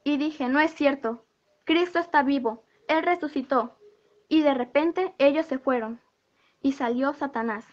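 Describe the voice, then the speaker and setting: A woman with a high voice recounts a spiritual vision as an earnest testimony. She keeps quoting the dialogue word for word. The recording sounds dull and lo-fi. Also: unhurried. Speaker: church member giving a testimony.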